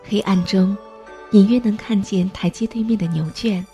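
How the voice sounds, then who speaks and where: A woman reads a storybook aloud in a mellow, warm voice, gentle and even-paced throughout. Faint music plays softly underneath her narration. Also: mid-range voice, moderate pace. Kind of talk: storybook reading.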